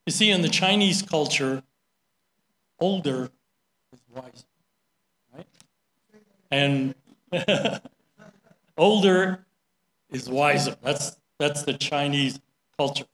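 A man's voice: a little high, takes it slowly, long pauses, a bit bright. Man preaching in a roomy hall. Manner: conversational storytelling with frequent "right?" asides. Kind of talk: sermon. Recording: roomy echo.

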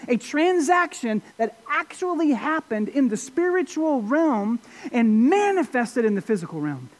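Emphatic male preacher. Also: very high voice. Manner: emphatic, rhetorical questions, dramatic swings in volume. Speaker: pastor. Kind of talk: sermon.

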